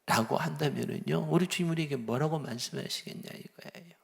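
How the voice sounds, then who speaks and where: A male pastor delivers a sermon with a rather high voice. His tone carries a gravelly edge. He keeps asking the congregation questions and shifts into pleading voices as he preaches. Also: a little fast. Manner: acts out pleading and scolding voices within the sermon.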